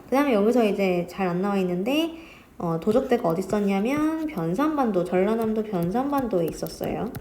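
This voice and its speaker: A woman teacher explaining a classic story in a casual lecture, talking straight to her students and quoting the characters in lively voices. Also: mid-range voice. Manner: chatty, quotes characters in lively voices, addresses students directly. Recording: echoey room with faint ambient noise.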